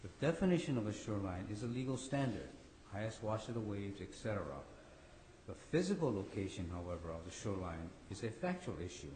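A man with a hoarse, cold-affected voice giving a formal oral argument as an attorney in court. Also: lowish voice, big pitch swings, fast talker, a little mellow. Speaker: attorney arguing for respondents. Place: large echoey courtroom. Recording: echoey hall, faint background noise.

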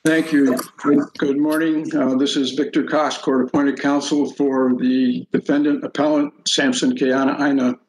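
A man's voice: medium pitch, level tone, moderate pace, hardly any pauses. A man arguing a legal case as a defence lawyer, in a roomy recording with some noise. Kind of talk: oral legal argument. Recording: roomy, faint background noise.

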